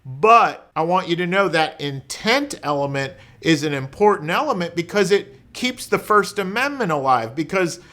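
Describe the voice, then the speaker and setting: With hardly any pauses and at normal speed, a criminal defense lawyer gives an informal explainer to camera, colloquial and full of rhetorical questions. His voice is on the high side, a bit bright, with lively intonation.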